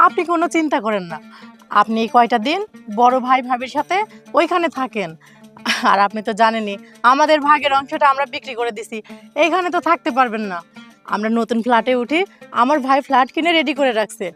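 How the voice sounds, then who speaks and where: Very high-pitched, insistent young wife. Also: female voice, animated, fast talker, a bit bright, faint music behind. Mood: soothing. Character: reassuring, defensive young married daughter-in-law. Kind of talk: Bengali family TV drama acting.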